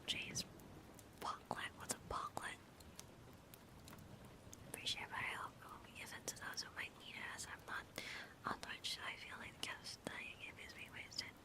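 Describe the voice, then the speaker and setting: A woman livestreamer in a whispered ASMR stream chat, softly thanking viewers and halting with fillers. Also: poor audio.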